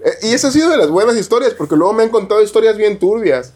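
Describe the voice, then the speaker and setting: Man, Mexican accent, podcast guest, hesitant, stop-start, slightly raised pitch. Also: animated, racing, darkish tone. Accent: Mexican Spanish. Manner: hesitant, full of fillers and restarts. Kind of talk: casual chat.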